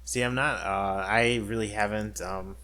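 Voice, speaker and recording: Male podcast co-host, lower register, loose rambling delivery with fillers and restarts. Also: fairly even intonation, measured pace, bright, forceful tone. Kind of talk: casual chat.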